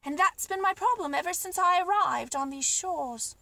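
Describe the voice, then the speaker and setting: A woman performs a polite, nervous female giraffe in a children's story. The voice is high and hesitant, with lively rises and falls, recorded dry and close. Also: moderate pace, dry recording, exaggerated voice. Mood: sad. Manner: hesitant, polite, breathy murmurs and gasps.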